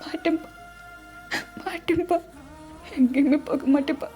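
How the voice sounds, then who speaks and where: A woman's voice: high voice, normal speed, warm tone, pitched above the performer's own voice, lightly acted. Young daughter, tearful and devoted, raised voice through crying, voiced by a woman. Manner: weepy, pleading. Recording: faint music underneath.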